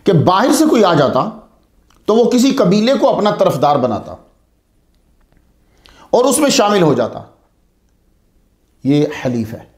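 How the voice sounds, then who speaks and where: A man's voice: high voice, reverberant. A man giving a religious lecture to students, asking rhetorical questions and then answering them, and repeating key terms to explain them. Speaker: religious teacher.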